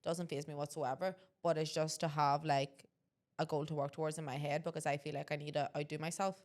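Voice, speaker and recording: A woman's voice: low-pitched, flat delivery, a little fast, darkish tone. A woman, co-hosting a podcast and making her points emphatically. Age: 20s. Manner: emphatic, opinionated. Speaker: podcast co-host. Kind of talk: casual chat.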